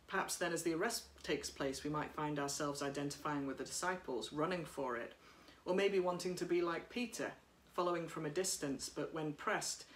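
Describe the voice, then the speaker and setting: A woman priest giving a sermon at home, speaking in a gentle, reflective way while reading from notes, recorded by a camera across a room. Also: low-pitched, echoey room, a little hiss or hum. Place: living room by a bright window.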